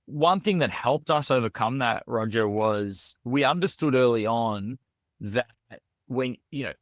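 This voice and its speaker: Unhurried and fairly bright in tone, a medium-pitched man with an Australian accent speaks as a restaurant founder guesting on a casual podcast interview. He comes across as earnest, full of "you know" fillers, repeated words, and restarts, in clean studio sound with no room sound.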